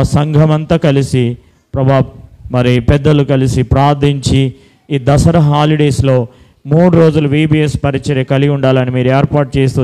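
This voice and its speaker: A man with a dark, clear, resonant mid-range voice leads a children's Bible school, preaching and leading prayer. He instructs in simple phrases, repeating easy commands and questions. The recording quality is low.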